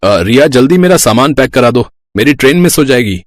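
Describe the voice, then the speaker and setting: An easygoing young husband from a moral storybook, coaxing and casual, voiced by a man. His voice sits at an ordinary middle pitch. The recording is dry and close. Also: lively intonation, fairly quick, no echo, natural voice. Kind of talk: storybook voice acting.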